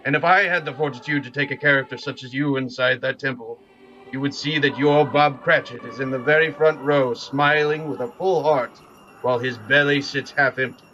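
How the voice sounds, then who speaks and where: A man's voice: mid-range voice, steady tone, moderate pace, pushed and bright, muffled recording, faint music behind, close to an everyday voice. A man playing a mocking, grandiloquent ghost in an audio play, declaiming his insults in a theatrical way. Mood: scornful, declaiming. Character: scornful, theatrical male Ghost of Christmas Present.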